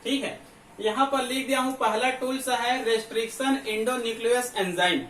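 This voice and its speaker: Here the male biology teacher's extremely high voice is steady and fairly bright, moving at a moderate pace. Standing at the board, he repeats points and answers his own questions, recorded from afar in a reverberant room carrying a faint hum.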